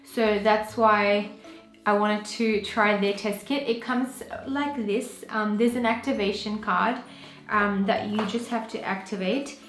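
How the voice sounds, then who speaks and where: A young Pakistani woman vlogs casually to camera in an unhurried, mid-range voice with fairly even intonation and a fairly bright tone. She's chatty, full of fillers like "um" and "you know," and the room is echoey with faint music.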